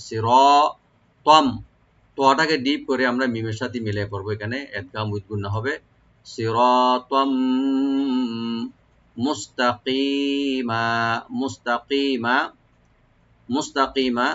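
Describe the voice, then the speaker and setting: A man teaching the rules of Quran recitation, explaining each sound slowly and then chanting the verse in a long, melodic style. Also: on the low side, bright, forceful tone, highs cut off. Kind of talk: tajweed lesson with recitation.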